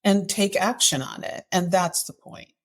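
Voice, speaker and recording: A woman, a guest author and activism coach, gives direct, emphatic advice in an interview conversation, often posing rhetorical questions. Her voice is mid-range and unhurried.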